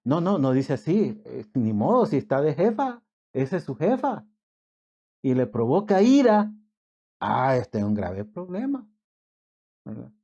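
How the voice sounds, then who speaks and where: A male pastor with a Salvadoran accent giving a conversational sermon, acting out short everyday scenes in quick voices. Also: on the high side, big pitch swings, mellow, muffled recording. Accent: Salvadoran Spanish. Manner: conversational preaching, acts out little scenes in quick put-on voices.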